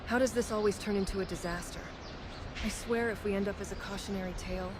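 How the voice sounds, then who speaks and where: A woman's voice: medium pitch, steady tone, fast, close to an everyday voice. Woman playing a wry adventurer over noisy ambience. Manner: wry, exasperated. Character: practical, skeptical, dryly sarcastic female adventurer. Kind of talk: scripted fantasy comedy dialogue.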